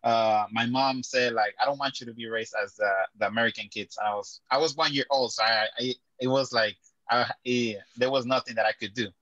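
A young man raised in Mexico speaks slowly and thoughtfully on a video call panel, pausing with fillers between ideas. The sound is dry and a little dull, with no room echo, as on a cheap webcam microphone in a small, dim room. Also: mid-range voice, fairly even intonation, fairly bright tone. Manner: unhurried, reflective, pauses with fillers. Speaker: writer panelist.

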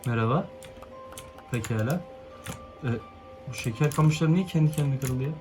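A young man commenting on his own Minecraft game, swinging between hushed muttering and frustrated yelps. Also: mid-range voice, moderate pace, faint music behind. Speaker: gaming YouTuber. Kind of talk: Minecraft let's play commentary.

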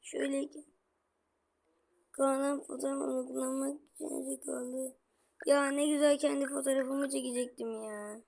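A woman giving excitable let's-play commentary, talking straight to her viewers and grumbling at the game. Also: sits high, measured pace, vocal fry. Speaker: gameplay commentator.

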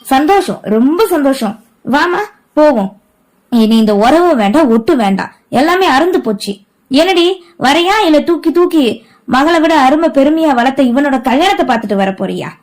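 Woman playing a furious shouting father. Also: high voice, lively intonation, brisk, pitched above the performer's own voice. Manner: angry, shouting. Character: furious middle-aged father, bitter and shouting.

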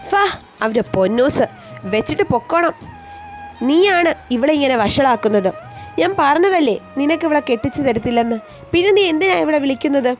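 A woman's voice: fairly high pitch, animated, fairly quick, darkish tone, soft background music, natural voice. A woman voicing a stern middle-aged father who refuses his daughter's chosen match, speaking curtly and scolding. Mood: angry. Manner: curt and scolding. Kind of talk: storytelling voice acting.

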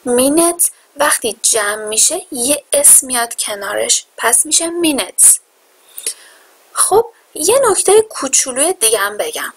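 Woman teaching English slowly. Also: high-pitched, big pitch swings. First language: Persian. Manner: repeats English phrases slowly and clearly for learners. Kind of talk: online lesson with repeat-after-me drills.

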